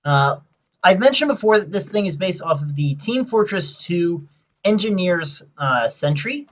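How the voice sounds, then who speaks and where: A man giving casual gameplay commentary, rambling and excitable as he explains his build, with many filler sounds. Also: sits high, unhurried, highs cut off.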